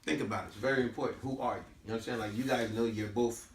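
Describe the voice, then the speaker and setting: Racing along at a medium pitch with fairly even intonation, an American host teaches about history and culture in a casual but sermon-like way. He repeats himself for emphasis and asks rhetorical questions, recorded on a far-off mic in an echoey space with slight background noise.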